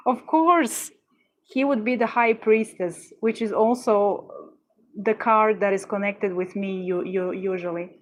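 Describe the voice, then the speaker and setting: Young woman streamer, excitable and effusive, mid-pitched voice, trips over her words while reading chat. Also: a little slow. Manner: gushing, exclamatory, with frequent stumbles and restarts. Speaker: livestreamer. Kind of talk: casual chat with live viewers.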